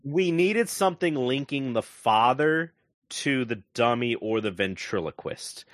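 A man co-hosting a casual movie review podcast, retelling a plot with profane, excitable energy. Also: measured pace, dry recording, studio quality. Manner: profane, excitable storytelling with big pitch swings. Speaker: podcast co-host.

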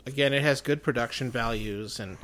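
A man co-hosting a podcast in casual chat, thoughtful and often trailing off softly. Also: mid-range voice, brisk. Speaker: podcast co-host.

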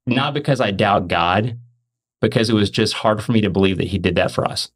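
A man on a podcast telling an earnest faith testimony, emphatic, often restarting and repeating words. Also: lowish voice. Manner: emphatic, fast and repetitive restarts. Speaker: podcast host.

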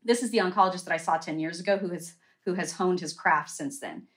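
A middle-aged woman, a guest, telling stories in a blunt, animated way and swearing freely. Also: on the low side, fast talker. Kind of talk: casual storytelling.

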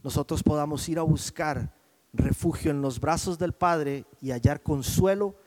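A man delivers a sermon in a fairly high voice, carried by the long reverb of a hall. He swings between loud emphatic phrases and hushed, prayerful asides, often pausing to check in with his listeners. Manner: preaching with swells of volume and hushed prayerful drops; checks in with the audience with frequent "¿sí?". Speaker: pastor.

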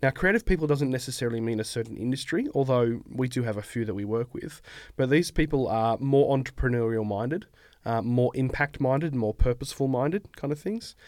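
In a studio podcast interview, a thirtysomething Australian man who owns an accounting firm talks in a laid-back, rambling way, leaning on lots of fillers. His medium-pitched voice is expressive and a little mellow, a bit fast with few pauses, and the sound is clean studio audio without room sound.

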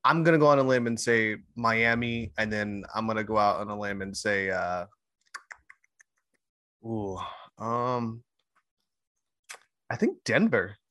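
A man's voice: lowish voice, a little slow, long pauses, pushed and bright, dry recording, studio quality. A man co-hosting a casual sports podcast, hesitant, mulling his picks aloud with hums and fillers. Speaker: podcast co-host.

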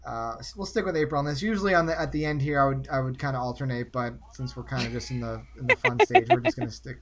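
A man from the Northeast US hosting a casual podcast trivia game, chatty and quick to laugh. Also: medium pitch, very animated. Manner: chatty, laughing, quotes lines in slow put-on voices. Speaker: trivia host.

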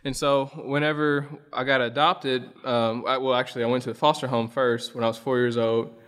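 A young man from Illinois, a podcast guest telling his life story in a relaxed, rambling way with many fillers. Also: mid-range voice, fairly quick, clean tone, big-room sound. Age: young adult. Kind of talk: casual conversation.

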